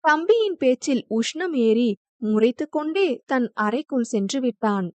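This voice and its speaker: A woman narrating a romance novel as an audiobook in an even storytelling delivery. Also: high voice, moderate pace, no echo. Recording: dull lo-fi dry recording.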